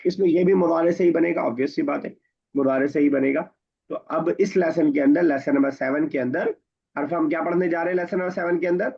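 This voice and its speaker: A man's voice: on the high side, creaky, husky. A man teaching an Arabic grammar class, patiently explaining and quizzing his students. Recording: dull lo-fi recording.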